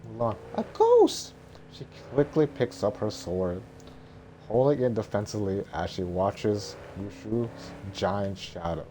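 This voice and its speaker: Male script reader, lowish pitch, monotone and halting narration, unhurried, noise behind the voice. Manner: monotone, stumbling. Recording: noticeable background noise.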